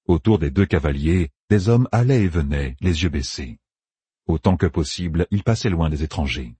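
A man narrating a fantasy audiobook with expressive storytelling. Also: low-pitched, normal speed, husky, no echo. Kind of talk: scripted narration.

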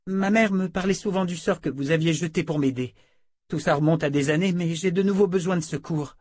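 A woman's voice: lowish voice, brisk, a little mellow, no room sound, pitched above the performer's own voice, natural voice. A man reading aloud, voicing a frightened young woman who pleads urgently for help in an audiobook. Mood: pleading. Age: young adult.

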